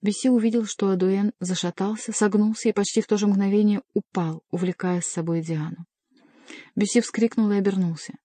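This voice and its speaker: Woman reading an audiobook, mellow darkish voice, dry close sound. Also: mid-range voice, steady tone, a little fast, no echo. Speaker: audiobook reader. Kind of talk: scripted narration.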